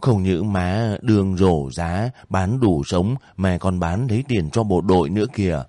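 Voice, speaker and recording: A man reading the lines of a gentle, earnest young female volunteer in his own low voice. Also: a little slow, no echo.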